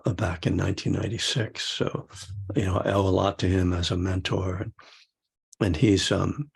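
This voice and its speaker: Husky older man, rambling dharma talk. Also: deep voice, steady tone, normal speed. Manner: rambling, chuckling often, many fillers. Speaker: meditation teacher.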